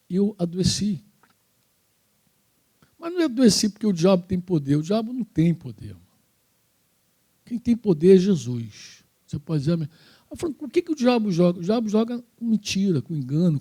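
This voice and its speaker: A man with a Brazilian Portuguese accent preaching a sermon in a church, telling his story in an animated, slangy, informal way. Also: high-pitched. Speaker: pastor.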